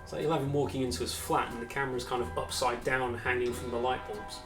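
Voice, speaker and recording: A man's voice: mid-range voice, little pitch movement, quick pace, distant mic, over loud music. Man, chatty, set back in an echoey room. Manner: chatty, laughs often. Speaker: podcast co-host. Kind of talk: casual chat reacting to music.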